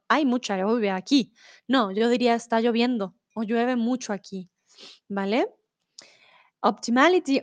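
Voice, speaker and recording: A woman's voice: fairly high pitch, no room sound. A woman teaching a language on a live stream, patiently explaining and moving between Spanish, English and German, checking in often with her viewers.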